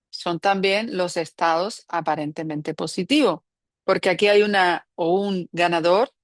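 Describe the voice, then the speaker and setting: A woman's voice: fairly low pitch, no room sound. A woman leading a spiritual group session, talking in a reflective, playful way and laughing often. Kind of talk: guiding a group meditation talk.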